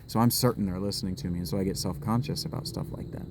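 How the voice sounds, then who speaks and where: Talking very fast in a gravelly, low voice with fairly even intonation, a man vlogs on a public walk with his camera in hand. He rambles, restarts his sentences, and slips into musing. The background is noisy.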